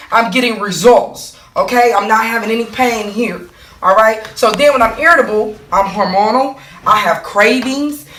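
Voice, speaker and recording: A woman's voice: mid-range voice, fairly bright tone, far from the mic, a little hiss or hum. A woman explaining her monthly cycle in a casual way, asking herself rhetorical questions, answering them, and checking in with "okay?" and "right?". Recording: echoey room.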